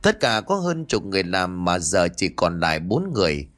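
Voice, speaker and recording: Male ghost story narrator, very lively pitch. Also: moderate pace. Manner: dramatic, with lively pitch swings.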